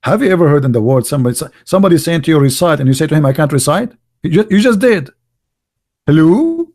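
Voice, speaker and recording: Fast and sing-song, this middle-aged man's voice sits fairly high with a darkish tone. Hosting a live podcast on religious debate, he speaks sarcastically and mockingly in thickly accented English with broken grammar.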